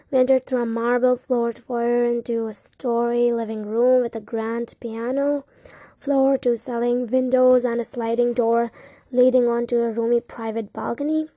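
A woman reads a first-person story aloud in a calm, steady way. Her voice sits fairly high but sounds warm and mellow. The recording is dry and close. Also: dry recording. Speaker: audiobook narrator. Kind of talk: first-person audiobook narration.

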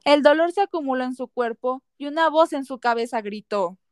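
High-voiced woman narrating myths. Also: brisk, darkish tone, clear, resonant tone, no echo, studio quality. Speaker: podcast narrator. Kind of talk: scripted dramatic storytelling.

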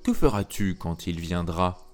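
A man's voice: deep voice, expressive, unhurried, soft background music. A man doing a fretful old farmer. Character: worried old farmer, fussing and fond.

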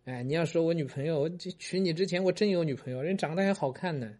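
Brief: man doing an old husband, husky, slow and drawn-out. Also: on the high side, darkish tone, pitched above the performer's own voice, natural voice. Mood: boastful. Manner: drawn-out, wailing lament. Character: old husband, boastful then tearful.

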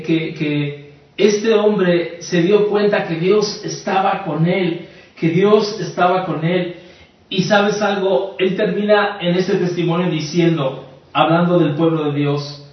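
A pastor preaching a sermon, telling a story earnestly and asking rhetorical questions. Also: male voice, high voice, fairly even intonation, slow. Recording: echoey hall, distant mic, dull sound.

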